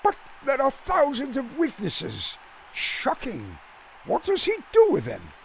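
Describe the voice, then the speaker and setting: A man putting on a prim, baffled gentleman. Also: very high voice, huge pitch swings, takes it slowly, vocal fry, slight background noise, pitched above the performer's own voice, exaggerated voice. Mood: bewildered, polite. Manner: polite, bewildered questioning. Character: prim, puzzled British gentleman new to baseball.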